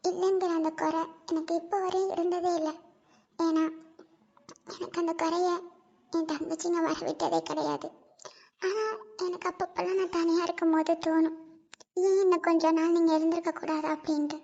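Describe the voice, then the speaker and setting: A woman voicing a gentle young woman devoted to her younger sisters, soft and polite. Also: very high-pitched, no echo, lo-fi sound. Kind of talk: cartoon voice acting.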